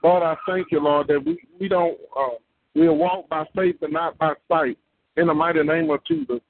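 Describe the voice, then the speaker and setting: A man with a fairly high, gravelly voice leads a fervent spoken prayer at a moderate pace, moving in rhythmic repetition of phrases and breaking into tongues. The recording is dry and sounds like a tinny phone line.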